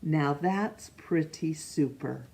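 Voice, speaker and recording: With a gravelly voice that sits low, a woman reads a picture book aloud for children's storytime. She takes it slow and gentle, asking the listener questions, and when a name trips her up she rereads it.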